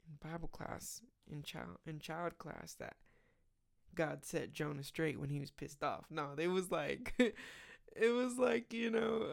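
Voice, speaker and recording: A tired podcast host, late at night, leads a casual faith podcast that includes prayer, his mid-range voice raspy with gravelly fry. He rambles, with many fillers and restarts.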